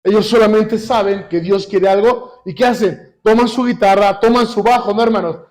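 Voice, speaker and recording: A man preaching a sermon in church, repeatedly asking the congregation questions and reading scripture slowly. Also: high voice, a little mellow. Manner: addresses congregation constantly with rhetorical questions; reads scripture slowly and deliberately. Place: church service.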